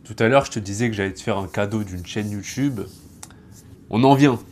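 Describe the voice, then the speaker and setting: A man's voice: fairly low pitch, brisk, darkish tone, slight background noise. A man in a casual vlog monologue, chatty and familiar, speaking directly to the viewer in an earnest, reflective way. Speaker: YouTuber.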